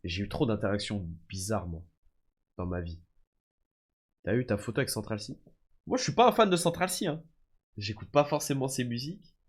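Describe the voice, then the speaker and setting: His voice sits on the low side with lively intonation, a moderate pace, long pauses, and a breathy edge. He's a young, frequently sick French streamer telling slangy stories live, calling viewers "les gars" and "frère."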